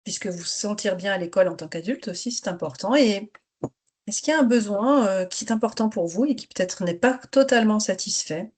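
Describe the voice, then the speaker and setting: A woman's voice: medium pitch, lively intonation, a little fast. A woman leading an interactive online workshop for teachers, encouraging participants to share, speaking over a video call. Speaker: teacher trainer leading a webinar.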